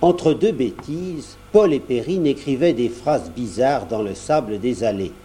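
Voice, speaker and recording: A man reading a children's story aloud as narrator, in an expressive, lilting way. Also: mid-range voice, a little slow, slight background noise.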